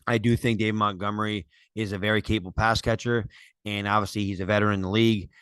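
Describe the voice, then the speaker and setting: A man co-hosting a sports podcast speaks in a low, smooth, resonant voice. The sound is dry and close. He gives earnest, measured analysis, peppered with fillers. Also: little pitch movement, fairly bright tone, no room sound. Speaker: podcast co-host. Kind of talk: casual sports talk.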